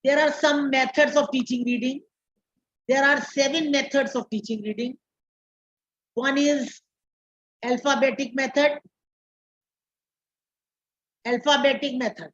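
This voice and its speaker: Indian woman teacher, high voice, slow deliberate delivery, repeats terms for students; dull lo-fi classroom recording. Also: steady tone. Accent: Indian English. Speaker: teacher educator. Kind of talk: classroom lecture.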